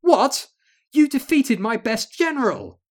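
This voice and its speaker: A man's voice: high-pitched, animated, slow pace, voice pushed up. A man voicing an imperious young witch queen who plays the melodramatic villain. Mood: outraged. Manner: melodramatic, gloating, shouting commands.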